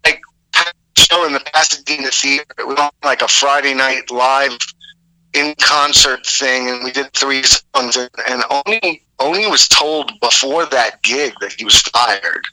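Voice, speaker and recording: A man's voice: mid-range voice, measured pace, pushed and bright, dry recording. A man talking over a phone line as an interview guest, rambling with many fillers and restarts. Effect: heard over a phone line. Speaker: musician guest.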